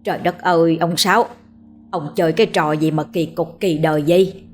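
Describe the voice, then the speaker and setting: Woman voicing a cranky drunk old man, lower, complaining, Southern Vietnamese. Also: fairly even intonation, a little fast, slight background noise, natural voice. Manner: complaining, exasperated.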